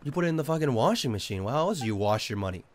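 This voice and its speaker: Very animated and very fast, this medium-pitched young man streams a game, joking around, cursing freely, and reading chat out loud. He was born in Australia but speaks with a Southern Californian accent.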